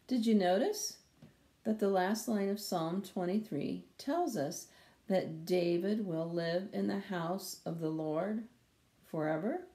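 A woman in her sixties, a Sunday school teacher, reading a Bible lesson for children slowly and carefully at home on a laptop camera, now and then correcting a small slip. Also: on the low side, warm tone. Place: small room at home, wooden door behind. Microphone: webcam or laptop camera at close range. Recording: echoey room.

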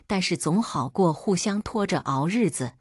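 A woman's voice: fairly low pitch, expressive, normal speed, breathy edge, no room sound, studio quality. A woman voicing a flustered young male secretary, polite and nervous, in a narrated drama.

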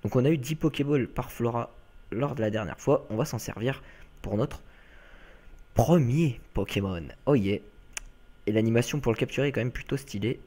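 A man's voice: medium pitch, normal speed, mellow. A young man from France giving chatty, casual let's-play commentary, full of fillers and asides to viewers.

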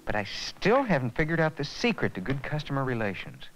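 A man's voice: medium pitch, a little fast, poor audio. A man in a 1980s educational film, talking earnestly and reflectively about what he has learned. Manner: earnest, reflective, lively intonation. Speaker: lead character in a training film.

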